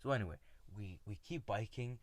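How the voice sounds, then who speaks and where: Low-voiced man telling a story casually. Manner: casual, halting, with many fillers and restarts; retells friends' lines in his own voice. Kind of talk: personal storytelling.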